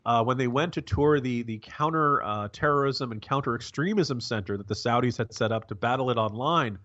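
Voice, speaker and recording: A man's voice: mid-range voice, fairly bright tone. Wry American man, slightly dull lo-fi sound. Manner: halting, rambling, wry and sarcastic. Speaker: podcast co-host and political commentator. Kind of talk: casual wry political commentary.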